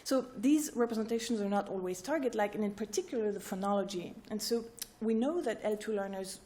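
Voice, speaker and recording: A woman's voice: medium pitch, fairly quick, warm tone. A woman researcher giving an academic talk to a room of listeners. She explains step by step and keeps checking in with "right?" and "okay?". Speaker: researcher presenting at a workshop. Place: lecture room with an audience.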